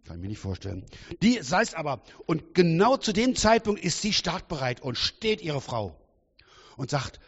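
A man in his fifties preaching a sermon in a lively, humorous and theatrical way, often asking the congregation questions. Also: fairly high pitch, moderate pace. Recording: dull sound with long hall reverb.

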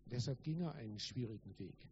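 Earnest male preacher, mellow tone. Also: mid-range voice, lively intonation, fast talker, lo-fi sound, slight background noise. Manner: earnest, emphatic preaching with repetition. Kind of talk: Christmas sermon with read-aloud story.

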